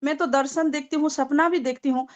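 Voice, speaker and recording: A high-voiced woman gives a church testimony, speaking earnestly and gratefully with many small hesitations. She can build to excited emphasis when describing what moved her. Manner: earnest, thankful, often pausing with fillers; grows excited and loud when retelling a vision. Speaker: church member giving testimony. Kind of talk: heartfelt spoken testimony.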